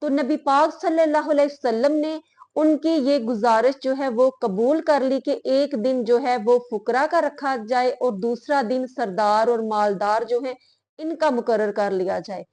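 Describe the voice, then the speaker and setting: A woman giving an earnest Islamic moral talk, speaking in a measured preaching manner. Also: high voice, a little mellow. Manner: slow, earnest preaching with Urdu religious phrasing. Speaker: religious speaker.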